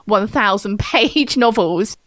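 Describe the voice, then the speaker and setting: A young English woman with an RP accent, chatting on a podcast from her bedroom, enunciating crisply but rambling with many fillers. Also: medium pitch, expressive, slow, background noise. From England. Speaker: podcast co-host. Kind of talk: casual chat. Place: bedroom at home.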